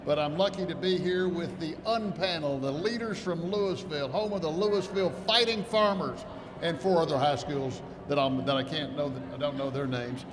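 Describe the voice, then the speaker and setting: A man's voice: on the high side, moderate pace. A man hosting a conference interview, chatty and joking. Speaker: host. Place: conference hall, indoors. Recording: noisy reverberant hall.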